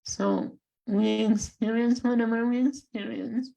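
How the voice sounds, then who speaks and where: A woman from Bulgaria with a Bulgarian accent, a guest speaking in a measured, halting way with long pauses. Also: fairly high pitch, steady tone, gravelly, mellow, poor audio. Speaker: guest, life coach and spiritual guide. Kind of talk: slow reflective interview talk.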